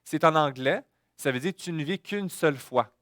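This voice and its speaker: A male pastor, preaching a sermon in an earnest way that swings between hushed warnings and emphatic declarations. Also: fairly high pitch, normal speed, no echo, clean studio sound.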